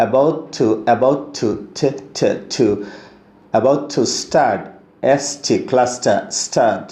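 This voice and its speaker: A man with a Bengali accent gives an English pronunciation lesson, stretching out each model phrase slowly and patiently. His voice is dark and mellow. It rings in an echoey room. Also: medium pitch. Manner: slow, drawn-out model reading of English lines, quick explanations in between. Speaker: English teacher.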